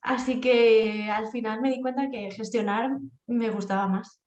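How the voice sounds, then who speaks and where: A woman from Castilla-La Mancha, Spain, speaking with a Spanish-from-Spain accent, answers conversationally as an interview guest; she's a freelance project manager. Her voice is a little high and darkish, with fairly even intonation and measured pace. She's indoors at home in an echoey room, and the audio sounds roomy and dull.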